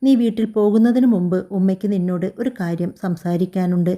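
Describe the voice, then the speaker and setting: A woman's voice: mid-range voice, fairly even intonation, a little fast, warm tone, lightly acted. A woman voicing a meek young husband who talks in a hesitant, placating way.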